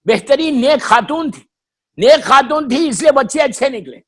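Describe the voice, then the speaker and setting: A man preaching a fervent sermon, repeating his points, slipping into English phrases and often rising to shouts. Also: very high-pitched, expressive. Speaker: Shia cleric giving a memorial majlis. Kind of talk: impassioned sermon.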